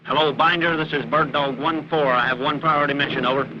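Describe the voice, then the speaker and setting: A man's voice: on the high side, fairly even intonation, fairly quick, bright, forceful tone. A young man as a methodical Marine radio operator, giving clipped military calls over a field radio. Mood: businesslike. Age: young adult. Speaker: marine forward air controller on radio. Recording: dull vintage film, noisy radio and vehicle.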